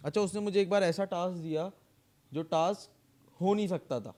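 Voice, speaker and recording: Young podcast co-host, slightly high voice, acts out every line of his story. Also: normal speed. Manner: animated, acts out dialogue, laughs often. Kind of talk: casual storytelling chat.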